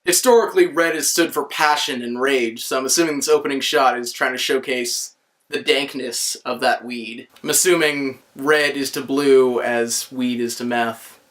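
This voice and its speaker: A man's voice: mid-range voice, fairly even intonation, moderate pace, a bit bright, soft background music. A young man giving a comedic film review, joking and sarcastic.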